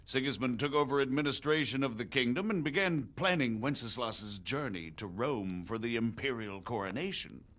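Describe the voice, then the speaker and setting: Speaking at a normal pace with hardly a pause, this man's medium-pitched voice is animated, a touch bright, and only lightly acted. He plays a grave, measured, persuasive middle-aged margrave on a visit, earnestly explaining royal politics in formal video game cutscene dialogue.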